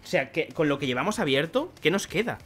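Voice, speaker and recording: A man's voice: a little high, brisk, soft background music. A young man from Spain with a Spanish accent, rambling chattily while opening trading card packs for his channel. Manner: chatty, rambling, bursts into excited shouting and laughter. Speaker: card collecting youtuber. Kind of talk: pack opening vlog.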